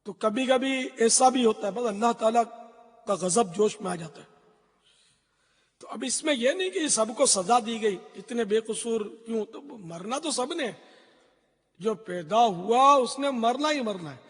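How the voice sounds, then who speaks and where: Middle-aged man, husky and high, rambling religious storyteller, reverberant hall. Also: lively intonation, fairly bright tone. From Pakistan. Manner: rambling storytelling with frequent pious interjections. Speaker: religious scholar answering questions. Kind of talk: informal question-and-answer talk.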